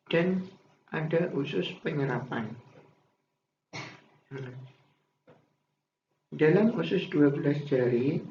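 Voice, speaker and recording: Guy teaching a class lesson, voice a bit high, lots of "nah" and "eh", echoey room. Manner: steady explaining pace, frequent "nah" and "eh" fillers. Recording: roomy, dull, faint room hiss.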